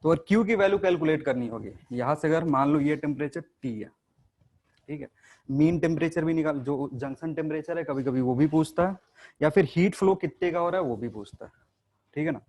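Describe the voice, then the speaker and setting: Higher-pitched man teaching physics. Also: a little fast, darkish tone. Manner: explains step by step, often asks the class and checks with "ठीक है ना". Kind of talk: classroom lecture at a board.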